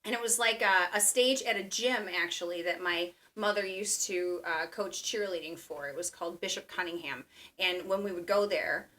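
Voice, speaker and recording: A woman with a bright, forceful tone tells a long personal story in easy conversation. She talks in a chatty way, leaning on fillers as she goes. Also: lowish voice. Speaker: dreamer guest.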